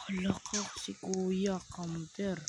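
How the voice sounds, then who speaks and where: A woman's voice: medium pitch, flat delivery, slow pace. A woman streaming a game in Filipino, chatting casually, teasing opponents and breaking into sudden outbursts. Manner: teasing, playful trash talk with sudden outbursts. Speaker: gamer streamer. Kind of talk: casual gameplay commentary. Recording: loud background noise.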